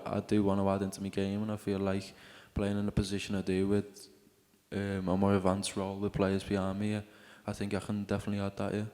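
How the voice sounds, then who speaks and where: A young man answers questions about his game in a low, flat voice. He hesitates and trails off with "yeah", and a long reverb hangs behind him. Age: young adult. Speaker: footballer interviewee. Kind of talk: casual interview.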